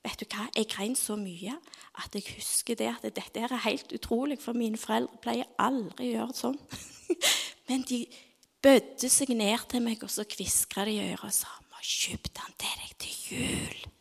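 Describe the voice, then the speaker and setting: A woman giving a devotional talk, telling a personal story expressively and often dropping into dramatic whispers, then praying softly. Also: on the high side, steady tone, gravelly, breathy edge. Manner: soft, half-whispered prayer. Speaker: speaker at a devotional gathering.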